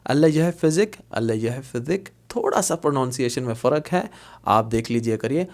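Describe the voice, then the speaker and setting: A man teaching a casual spoken lesson, saying phrases slowly and repeating them, often checking in with his listeners. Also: mid-range voice, a little mellow. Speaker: language teacher.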